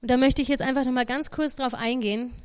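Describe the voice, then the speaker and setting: A woman speaks in an earnest, conversational way, like a lay preacher giving a short devotional talk. Her voice sits a little high, and she keeps it plain and direct. Now and then she voices the thoughts of an imagined believer. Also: fairly even intonation, fast, clear, resonant tone.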